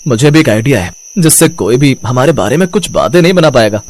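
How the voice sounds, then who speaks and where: A man's voice: mid-range voice, expressive, a little fast, lightly acted. A man voicing the husbands and father-in-law in a cartoon, casual and dismissive.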